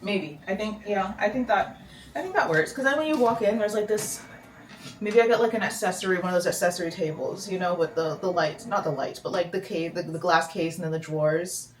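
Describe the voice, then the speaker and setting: A woman's voice: lowish voice, brisk, slight background noise. A young woman vlogging casually in her bedroom, chatty and rambling, often breaking off mid-sentence. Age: young adult. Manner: chatty, rambling, self-interrupting. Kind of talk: casual vlog chat. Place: home bedroom, indoors.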